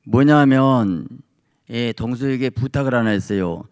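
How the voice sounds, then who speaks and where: A man pastor giving a sermon in a church, telling a story with animated voices. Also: mid-range voice, a little slow. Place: church sanctuary.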